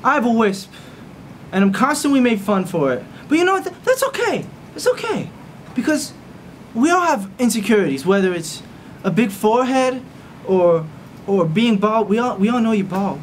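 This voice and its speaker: Lisping timid young journalist played by a man, halting and stammering, high lively voice, short film. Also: a little hiss or hum. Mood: earnest. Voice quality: lisp. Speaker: temporary office boss. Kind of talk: student short-film acting.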